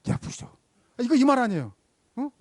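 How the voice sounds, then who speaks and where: A man's voice: very high-pitched, big pitch swings, brisk, darkish tone, no room sound. A male pastor preaching a sermon, telling stories and asking the congregation questions. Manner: storytelling, asks the congregation questions.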